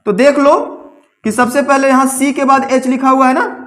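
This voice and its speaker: High-voiced man teaching a class. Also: steady tone, normal speed, a bit bright. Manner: repeats questions back to the class, calls students "babu". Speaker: English teacher. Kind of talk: classroom lesson.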